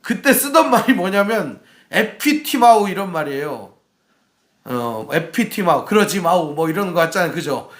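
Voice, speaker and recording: A man preaching a sermon as pastor in a church, asking the congregation questions and acting out the shouts he quotes. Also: fairly high pitch, very animated, moderate pace, roomy sound.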